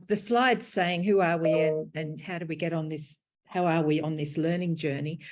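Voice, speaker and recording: An Australian woman, a teacher educator, giving a measured, slightly formal conference presentation over a video call. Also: low voice.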